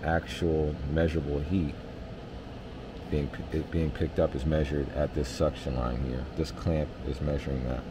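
Near the furnace in a basement, a male HVAC technician gives a casual, hands-on explanation of the system readings with many fillers. He talks at a moderate pace in a rumbling low voice while background noise plays.

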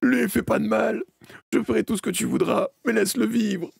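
A man voicing a shrill, desperate young witch. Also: fairly even intonation, moderate pace, vocal fry, slightly rough, no room sound, studio quality, full character voice. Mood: pleading, desperate. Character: young witch woman screaming for mercy.

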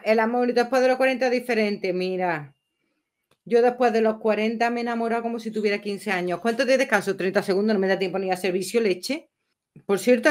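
A woman, chatting casually and rambling through a livestream as host. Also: mid-range voice. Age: 50s.

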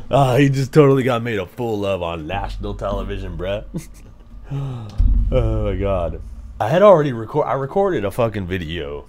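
A man's voice: lowish voice, big pitch swings, moderate pace, pauses often, darkish tone, slight background noise. Sweary, slangy man reacting on stream. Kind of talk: casual reaction commentary.

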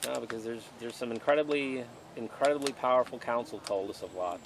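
Under an outdoor tent canopy, a man in his forties leads a sermon and Bible study as pastor, reading passages and then preaching conversationally. A distant camera picks up his fairly quick, mid-range voice over a noisy background.

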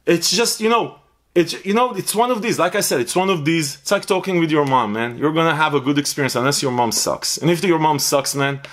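A man's voice: on the high side, brisk, a bit bright. A man reviewing a pre-workout supplement in a blunt, profane, rambling way, repeating himself for emphasis. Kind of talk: casual review vlog.

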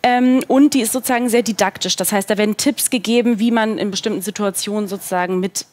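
In an indoor talk studio with a seated group, a woman in her thirties appears as a talk show guest, wearing a headset mic. She speaks fast and casually in a medium-pitched, darkish voice, slipping in English phrases.

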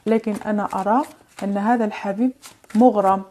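A woman giving a tarot card reading, in gentle, reassuring, drawn-out phrases with hesitations and French asides. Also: mid-range voice, steady tone, a little hiss or hum. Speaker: tarot reader.

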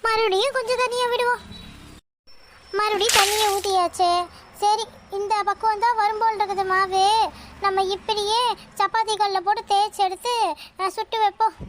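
A woman's voice: extremely high pitch, fairly bright tone. A woman voicing a naive, chatty young daughter in a cartoon who talks to herself. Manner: chatty, naive, self-talking. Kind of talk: cartoon voice acting.

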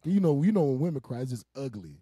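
A man's voice: mid-range voice, very animated, fast, mellow, breathy edge, dry recording. A man leading a casual group teaching session, joking and laughing often with the people around him. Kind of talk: casual preaching, joking banter.

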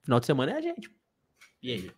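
A man's voice: mid-range voice, wildly swooping pitch, fast talker, husky. A young man co-hosting a football live stream, laid-back and slangy, drawling his words. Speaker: co-host of a football channel. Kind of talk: casual live-stream chat.

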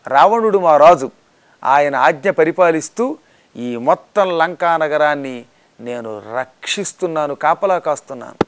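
A man's voice: on the high side, expressive, measured pace. A man voicing a haughty demoness who guards a city gate, scolding and threatening in a raised voice during a spoken discourse. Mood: proud.

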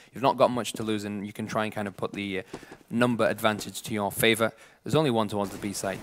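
A man giving lively play-by-play commentary on a competitive shooter match, joking with his co-caster. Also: lowish voice. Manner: lively, jokey banter with co-caster. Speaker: esports commentator. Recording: noisy with game gunfire behind. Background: game gunfire.

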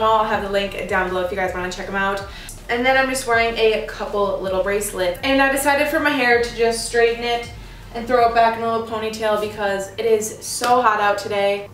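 A young woman with a fairly high voice talks through her outfits in a bubbly, gushing sorority-girl way. It is casual vlog chat, recorded in an echoey room a little way from the mic. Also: fairly bright tone, distant mic, slight background noise. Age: young adult. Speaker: vlogger. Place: small indoor room in a home, standing before a door. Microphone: camera mic a few steps away.

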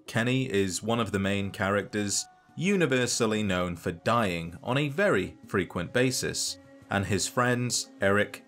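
A man narrating a scripted game video essay in a measured, dry and wry way. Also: on the low side, fairly bright tone.

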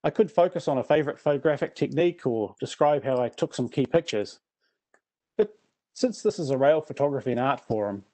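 New Zealand man with a mellow voice. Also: mid-range voice. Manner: dry self-deprecating humour. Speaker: presenter. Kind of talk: prepared presentation talk.

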